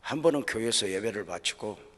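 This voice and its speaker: A middle-aged man preaching to fellow pastors at a seminar, telling a personal story with strong feeling, sinking to a hush and then rising loud again. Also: fairly low pitch, lively intonation, brisk, a little hiss or hum. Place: church hall. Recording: long reverb of a large hall.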